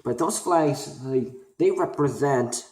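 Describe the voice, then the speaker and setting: A young man from Korea, talking unscripted to camera as a student vlogger, halting and full of fillers and restarts. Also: mid-range voice, darkish tone. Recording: roomy echo.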